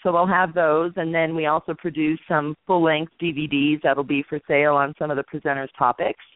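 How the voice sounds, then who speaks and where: A woman's voice: sits low, level tone, a little fast, no room sound. Woman, radio guest, chatty storyteller, thin phone-line sound, dry. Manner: chatty storyteller, laughs at herself. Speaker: guest from an instructors' association. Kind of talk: casual radio chat.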